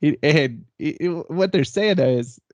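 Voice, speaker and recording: A man's voice: on the high side, expressive, slow pace, no echo. A man in his thirties co-hosting a podcast, telling stories in casual chat and laughing often as he acts out quotes. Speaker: podcast co-host. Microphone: remote call setup.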